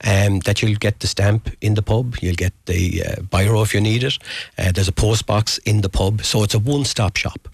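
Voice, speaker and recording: A man's voice: on the low side, fairly even intonation, moderate pace, breathy edge, no echo. A man with a Galway, west of Ireland accent, chatting informally as a guest in a radio interview. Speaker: guest, postcard designer.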